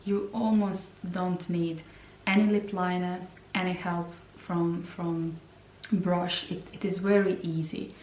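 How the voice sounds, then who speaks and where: Slow, hesitant woman in a roomy space. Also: on the low side, little pitch movement, darkish tone, a little hiss or hum. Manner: slow, hesitant, repeats words. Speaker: beauty vlogger. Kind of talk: product review and swatches. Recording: roomy sound from a distance.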